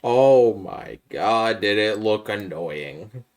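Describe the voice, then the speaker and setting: A podcast co-host chats casually about films, giving blunt and critical opinions. His voice sits on the low side and is expressive, delivered at a slow pace.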